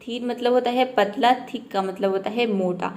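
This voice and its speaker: A woman walks beginners through English spelling and sound rules, one example word at a time. Her voice sits a little high, and she keeps circling back to ask the viewer what comes next, repeating each point patiently. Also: fairly even intonation, normal speed, darkish tone. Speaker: English teacher. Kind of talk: step-by-step pronunciation lesson.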